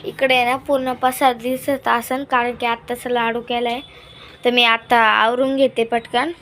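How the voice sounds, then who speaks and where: Young woman, high voice, chatting to viewers from her kitchen, faint hiss. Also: flat delivery, a little slow, fairly bright tone. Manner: chatty, addresses viewers while cooking. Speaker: vlogger. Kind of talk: casual family vlog chat. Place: home kitchen.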